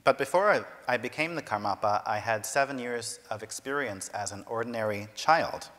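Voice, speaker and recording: A man interpreting a talk consecutively, in steady and careful formal phrasing. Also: medium pitch, moderate pace. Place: large university lecture hall. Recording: long hall reverb.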